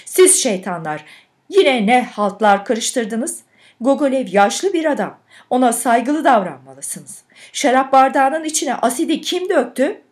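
A woman voicing a tipsy, fussy older proprietress who scolds loudly and drags out her words. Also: high-pitched, animated, voice pushed up. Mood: scolding. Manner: loud scolding, drawn-out words.

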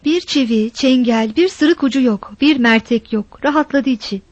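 A woman reading a story aloud in a measured storytelling delivery, in a dull, dry recording. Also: high voice, dry recording. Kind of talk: scripted narration.

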